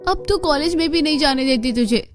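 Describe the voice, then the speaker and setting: A woman voicing a rich, bold young college friend in a cartoon, loud and outspoken. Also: sits high, brisk, faint music behind, natural voice. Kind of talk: cartoon voice acting.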